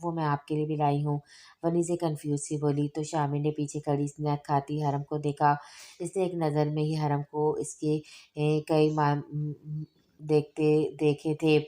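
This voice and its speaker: A woman narrating a romance novel in a steady, even audiobook reading. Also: low voice, unhurried.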